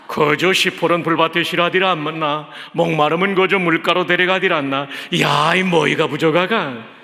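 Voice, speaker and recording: A male preacher voicing a blunt, plainspoken man with a Pyongan accent, talking loudly and emphatically. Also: a little high, vocal fry. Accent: Pyongan dialect of Korean. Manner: emphatic, loud, rhetorical questions. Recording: echoey church hall.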